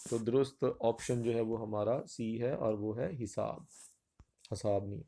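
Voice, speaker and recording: Man slowly drilling Urdu pronunciation. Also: medium pitch, gravelly, warm tone. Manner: slowly repeats each word option aloud; addresses students as dear pupils. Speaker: Urdu teacher. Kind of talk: exam revision lecture.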